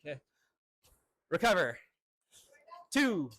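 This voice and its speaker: A male fencing instructor running a live drill with crisp, short commands and encouraging words. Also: a little high, sing-song, takes it slowly, a bit bright, no echo, studio quality.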